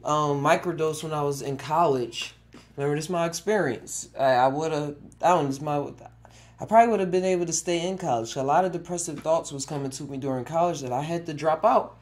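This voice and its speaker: Talking a little fast in a slightly high voice, this man in his 20s hosts a relaxed solo podcast. He wanders from point to point, chuckling frequently and starting sentences over.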